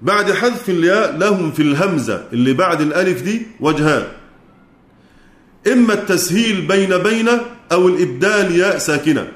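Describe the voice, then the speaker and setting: In a room with an echo, a man with an Egyptian Arabic accent gives a lesson on Quran recitation, his voice high, brisk and animated. He works through it step by step, putting questions to his students and then answering them himself.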